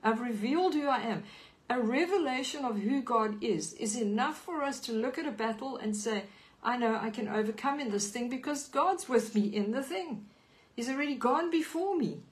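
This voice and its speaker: A woman's voice: a little high, rough recording. A woman with a South African accent giving an earnest livestreamed teaching sermon, reading scripture aloud. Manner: earnest, reads scripture aloud, greets viewers by name. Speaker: preacher on a live stream.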